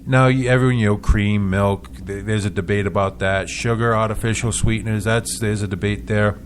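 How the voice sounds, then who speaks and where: A man's voice: on the low side, fairly even intonation, fairly quick, slight background noise. A man hosting a casual local radio talk show, chatting with frequent stumbling restarts and chuckles.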